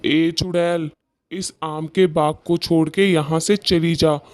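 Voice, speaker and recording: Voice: medium pitch, little pitch movement, slow pace, a little mellow, no echo, natural voice. A performer voicing a blustering male fake sorcerer in a cartoon story. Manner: blustering, threatening, pompous. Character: self-important male tantrik, a fraud sorcerer.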